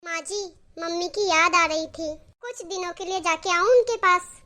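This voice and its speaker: A woman's voice: extremely high pitch, moderate pace, sharp tone. A woman voicing a fretful, impatient young married daughter in a cartoon story. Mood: earnest.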